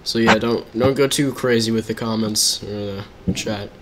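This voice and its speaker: A man's voice: fairly low pitch, fairly even intonation, moderate pace, heavy background noise. A man casually chatting to his viewers while live-streaming a video game, reacting to the action as he plays.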